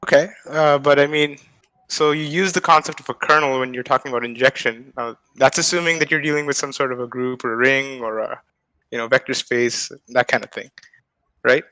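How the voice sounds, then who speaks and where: A man's voice: medium pitch, steady tone, a little fast, bright, forceful tone, no room sound, rough recording. A young man, a math student, casually explaining ideas over a video call, full of hedging fillers and checking in with "right?". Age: young adult. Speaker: guest speaker, math student. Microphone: video call mic.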